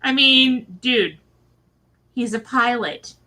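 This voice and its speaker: A woman's voice: on the high side, slow pace, bright, forceful tone, low-quality recording. A woman from Michigan giving a chatty, rambling recap of a reality show, full of fillers and asides. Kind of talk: casual spoken recap. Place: at home with her husband nearby.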